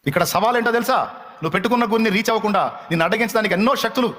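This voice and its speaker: A man preaching a fiery sermon, scolding his listeners harshly with rapid, repeated rebukes. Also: sits high, fairly bright tone, long reverb tail, slight background noise.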